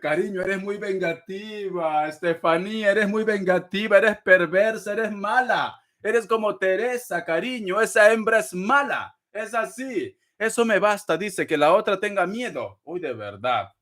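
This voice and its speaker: A man with a high, light voice hosts a live tarot reading. He teases his viewers, calls them darling, and breaks into frequent laughter. His delivery is dramatic and chatty. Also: measured pace, hardly any pauses, fairly bright tone. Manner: laughs often between phrases. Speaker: tarot reader.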